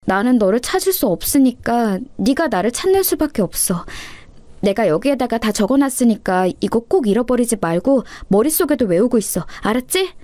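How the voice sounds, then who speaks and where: A woman's voice: on the high side, expressive, normal speed, no room sound, close to an everyday voice. A woman voicing an earnest orphan girl who firmly comforts and lectures her little sister. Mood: scolding. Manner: firm, gently scolding.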